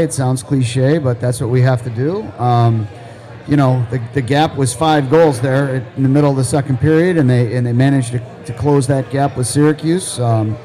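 A man speaking as a coach, giving measured, deliberate and halting interview answers. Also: mid-range voice, mellow. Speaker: head hockey coach.

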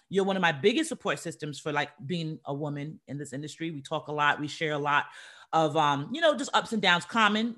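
A woman from the Bronx hosting a casual interview, animated and chatty. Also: fairly low pitch. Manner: animated, chatty, says y'all and dope. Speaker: host.

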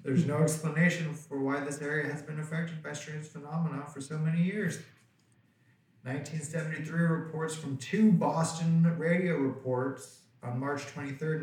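A man's voice: fairly high pitch, steady tone, normal speed, recorded from a distance. Man reading notes in a very echoey room. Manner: reads out reports, stumbles over place names. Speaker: podcast co-host. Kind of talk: reading facts in casual chat.

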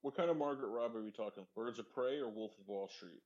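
A man joking quickly in a casual chat with friends. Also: mid-range voice, a little mellow, muffled recording.

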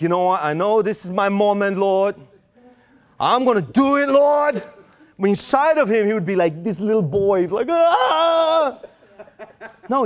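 A high-voiced man delivers a sermon in English with a Romanian accent, Romanian being his first language, and raises his voice as he acts out quoted prayers.

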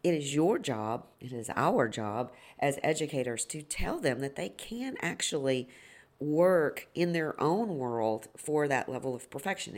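A woman with a gravelly, slightly sniffly, hoarse voice, hosting a solo podcast and explaining things reflectively as an educator. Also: very deep voice. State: hoarse and slightly sniffly after a long day of judging. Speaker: podcast host and dance educator. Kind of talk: solo podcast talk, informal teaching.

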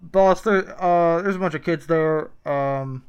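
A dazed young fast-food worker mumbling through a drive-thru speaker, as a man puts him on, pitched a little higher and pushed louder than his normal talk, clean and clear in tone but sounding set back from the mic. He fills every pause with uhs and apologies, vague and unbothered. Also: dull audio. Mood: hesitant. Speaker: podcast co-host. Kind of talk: improvised comedy bit.

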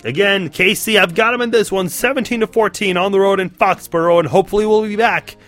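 An American man with a rough, hoarse, strained voice, giving solo football commentary as a podcast host. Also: high voice, quick pace, a bit bright. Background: music.

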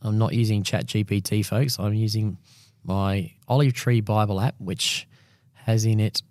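A man co-hosting a podcast, talking quickly through Bible passages in casual chat with restarts. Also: on the low side, steady tone, a little mellow, no echo, studio quality. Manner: quick, thinking aloud with restarts. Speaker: podcast co-host.

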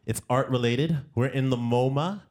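A man, a guest artist, telling animated anecdotes in casual conversation, often laughing as he goes. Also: mid-range voice, moderate pace. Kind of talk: casual storytelling.

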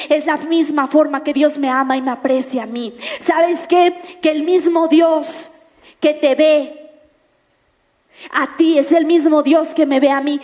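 A woman preaching a sermon, telling the story in an animated, dramatic way. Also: sits high, in a large hall. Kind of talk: church sermon. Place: church.

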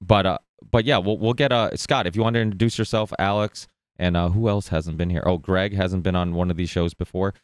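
Man, host, live panel show, very low voice, smooth and close, dry sound. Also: steady tone, fairly quick, few pauses, no echo. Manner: loose and friendly, with many fillers and restarts. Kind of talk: casual panel show hosting.

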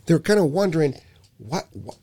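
A man's voice: on the high side, normal speed, slightly rough. Emphatic man from Puerto Rico. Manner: animated, emphatic, repeats words when restarting. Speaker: youth basketball program director. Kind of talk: casual conversation.

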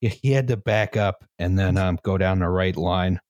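A man's voice: sits low, normal speed, darkish tone, no room sound. Man explaining in a dry recording. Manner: explains at length, tags lines with "right?", many fillers. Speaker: podcast host presenting the history. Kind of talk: casual history podcast chat.

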